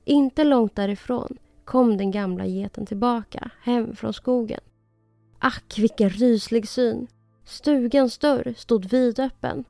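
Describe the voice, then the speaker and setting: Mellow woman reading a fairy tale. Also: a little high, creaky, no room sound, soft background music. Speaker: storyteller.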